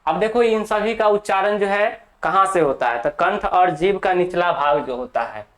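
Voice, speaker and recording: A teacher giving a grammar lesson for exam students, dictating for notes, repeating key terms and often checking in with the class. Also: medium pitch. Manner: slow, deliberate, dictating for notes.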